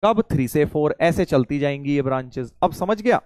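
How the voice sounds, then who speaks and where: Lively, playful Hindi maths teacher man. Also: on the high side, smooth, no echo, clean studio sound. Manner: playful, teasing, calls students "beta"; slows right down to spell out steps. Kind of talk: live online class.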